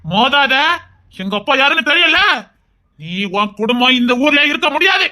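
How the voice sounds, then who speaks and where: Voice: high voice, lively intonation, normal speed, sharp tone, exaggerated voice. A performer plays an arrogant young male villain who blusters threats in a Tirunelveli Tamil accent. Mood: threatening. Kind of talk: family skit acting.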